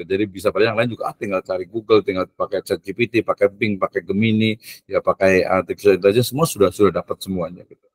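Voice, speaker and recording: Male lecturer with a lower voice and a dry, close sound; casual and joking. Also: no room sound. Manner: chatty and joking, mixes in English phrases, frequent filler tags. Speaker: university lecturer.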